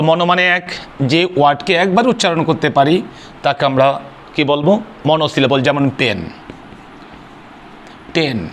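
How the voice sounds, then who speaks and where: A man's voice: on the high side, a little hiss or hum. A man teaching an English grammar lesson. He spells words out letter by letter, asks questions and answers them himself, and mixes English phrases into his explanations. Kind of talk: spoken classroom lesson.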